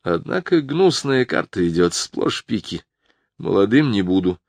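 A man's voice: on the low side, big pitch swings, unhurried, creaky, darkish tone, no room sound, exaggerated voice. A man voicing a moody middle-aged woman fortune teller who gives clipped, ominous card readings.

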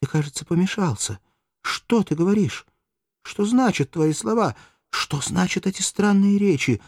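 A man's voice: high voice, expressive, normal speed, darkish tone, no room sound, studio quality, voice pushed up. A man voicing a passionate, anxious young Roman noblewoman who questions her lover urgently. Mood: frantic.

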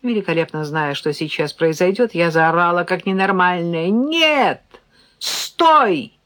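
A woman narrating an audiobook in an expressive, animated first-person reading. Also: fairly low pitch, normal speed. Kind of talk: scripted narration.

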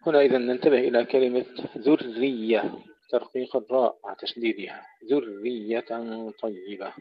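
A man leads a Quran recitation lesson, chanting verses slowly and melodically before breaking into quick, matter-of-fact explanations of pronunciation. His voice sits at an ordinary middle pitch. The recording sounds dull and lo-fi. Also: fairly even intonation. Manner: slow melodic recitation alternating with brisk explanation.

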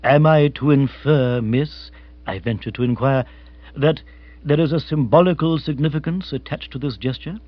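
Here the same storybook manservant, unflappable, formal and English, comes through a fairly high-pitched male voice, lightly acted at a moderate pace. He stays measured and deferential, stately and circumlocutory, very polite, precise and wordy, while the recording loses its high frequencies.

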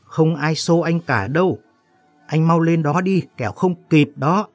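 A man's voice: mid-range voice, a little slow, no room sound, faint music behind, close to an everyday voice. A man reading a story, voicing an urgent, curt young woman who rows a boat. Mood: snapping. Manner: snapping, urging.

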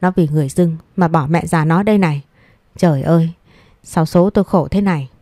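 A woman's voice: sits low, brisk, dark tone, dry recording, studio quality, close to an everyday voice. A woman voicing a domineering, scornful older mother in an audio story, speaking in a scolding tone. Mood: wailing. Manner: scolding, contemptuous.

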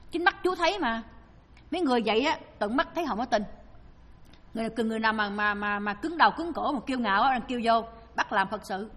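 A woman with a Southern Vietnamese accent tells a dharma story, slipping into the voices of her characters as she goes. Her voice sits fairly high and sounds breathy. It rings out with a long hall reverb. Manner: lively storyteller, acting out the people she quotes. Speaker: Buddhist dharma speaker.

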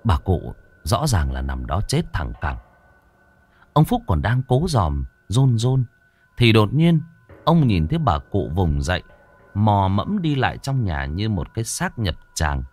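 A man narrating a horror story in a dramatic, expressive way. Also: fairly low pitch, unhurried, faint music behind.

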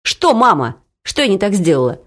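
A woman voicing a pushy, doting older mother with a Caucasian accent and a loud, coaxing manner. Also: big pitch swings, normal speed. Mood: indignant. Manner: loud, bossy, high-pitched coaxing.

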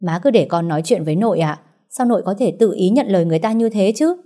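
A woman's voice: mid-range voice, animated, fast, mellow, natural voice. A woman voicing a young village girl who talks back defiantly and pleads with her mother.

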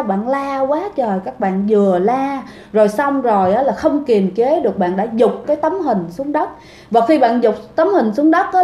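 A woman's voice: on the high side, warm tone. A woman telling a ghost story in a chatty way, often addressing her listeners directly. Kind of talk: casual storytelling. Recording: echoey room.

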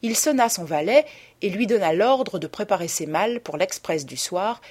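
A woman narrating a classic novel as an audiobook in a measured, storytelling way. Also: medium pitch, expressive, a little mellow, slightly rough.

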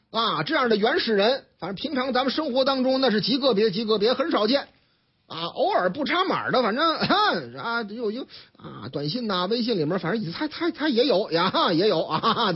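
Heard over a dull lo-fi radio broadcast, this Beijing-accented news commentary host has a very high, breathy voice and a moderate pace. On his chatty newspaper show he tells stories vividly, shifting his voice to play each quoted character.

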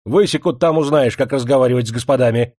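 A man's voice: medium pitch, fast, warm tone, no echo, clean studio sound, lightly acted. A man voicing a boorish drunken army lieutenant who mocks and barks orders. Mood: barking orders. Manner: coarse, mocking, barking orders.

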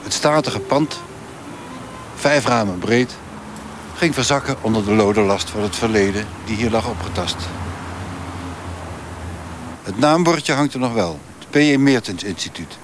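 A man, a radio reporter, narrating in a calm, measured way. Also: lowish voice, over music. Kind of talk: scripted narration and on-location interviewing.

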